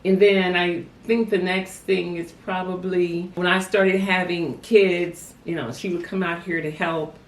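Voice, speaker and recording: A woman's voice: on the low side, little pitch movement, measured pace, hardly any pauses. A woman reflecting on family memories in an interview, telling stories with frequent "you know". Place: family home. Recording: roomy sound from a distant mic.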